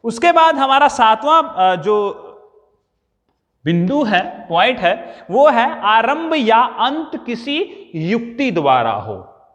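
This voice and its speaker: A male teacher giving a grammar lesson to a class, dictating his points slowly, word by word. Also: extremely high pitch, big pitch swings, a bit bright, long reverb tail.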